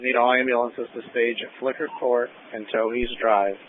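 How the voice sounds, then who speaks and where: A man's voice: medium pitch, flat delivery, normal speed. A man giving emergency staging instructions over a two-way radio. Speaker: ambulance staging coordinator. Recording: noisy, phone-like two-way radio.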